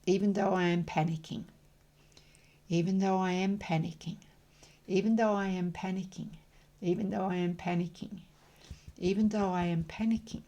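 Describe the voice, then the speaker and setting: Guiding an emotional freedom tapping session, a middle-aged woman speaks in a lowish voice. Her calm, chatty explanations are broken up by affirmation phrases she repeats slowly, in rhythm.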